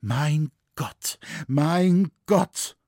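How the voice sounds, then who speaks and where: A man's voice: mid-range voice, lively intonation, takes it slowly, darkish tone, husky, no room sound, clean studio sound, exaggerated voice. A man reading an audiobook, voicing a poor, proud young woman who sobs and pleads in despair. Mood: sobbing. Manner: sobbing, pleading.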